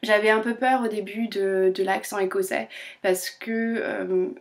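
A young woman from France chats casually at an easy pace with her knitting vlog audience, her medium-pitched, steady voice slightly strained. She hesitates often and fills pauses while telling her story, keeping a friendly, conversational tone.

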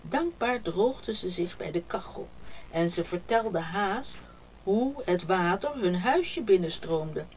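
A woman reading a children's picture book aloud, telling the story warmly and expressively. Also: fairly low pitch, lively intonation, unhurried, slight background noise, rough recording.

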